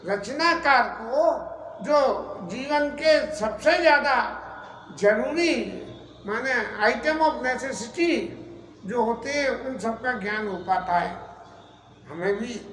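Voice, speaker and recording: A middle-aged man giving a devotional scripture discourse, telling the story slowly and deliberately with long pauses. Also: very high-pitched, fairly bright tone, slight background noise. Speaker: Ram katha preacher. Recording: roomy echo with faint ambience.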